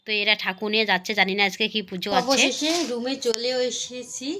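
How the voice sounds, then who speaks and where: A woman with a slightly hoarse voice, chatting casually to viewers as a vlogging mother and narrating what she is doing. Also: fairly high pitch, fast talker, background noise.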